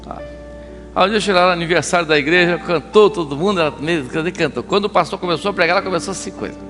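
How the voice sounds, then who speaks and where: A male pastor giving a conversational sermon, animated and telling stories while acting out the scenes. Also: high-pitched, rapid-fire, big-room sound, faint music behind. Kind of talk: sermon with storytelling. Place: church.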